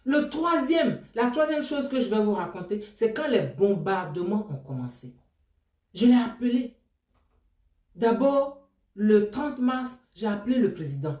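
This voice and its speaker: Animated Ivorian woman telling a story. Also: a little slow. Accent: Ivorian French. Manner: expressive, swings high and loud when excited, drops low and soft for quoted words. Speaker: storyteller sharing memories. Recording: echoey room, voice from a distance.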